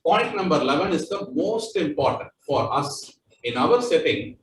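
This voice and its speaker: Indian-accented male trainer, fairly high-pitched, halting repetitive delivery; roomy distant recording. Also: very animated, slight background noise. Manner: loose, repetitive phrasing with many fillers. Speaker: corporate trainer. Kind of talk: workplace training talk. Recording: echoey room, voice far from mic.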